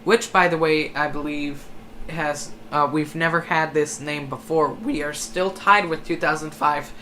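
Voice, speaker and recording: A livestream host following a hurricane talks through the forecasts in a hesitant, self-correcting way. Their mid-range voice is bright and forceful, fairly even in intonation and a little slow, and background noise is noticeable.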